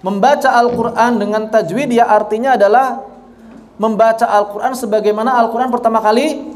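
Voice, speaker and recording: A man teaching an online tajwid lesson, explaining slowly and deliberately with repetition. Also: very high-pitched, steady tone. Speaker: Quran recitation teacher.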